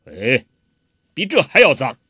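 A man's voice: mid-range voice, huge pitch swings, unhurried, sharp tone, slightly rough, no echo, studio quality, exaggerated voice. A man voicing an old male beggar martial arts master with coarse, scolding, chuckling speech. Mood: gruff, scheming.

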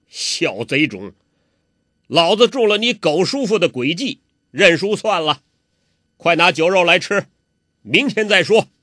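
A man's voice: mid-range voice, very animated, a little slow, a bit bright, husky, no room sound, clean studio sound, exaggerated voice. A man voicing an old male beggar martial arts master with coarse, scolding, chuckling speech. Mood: loud, mocking.

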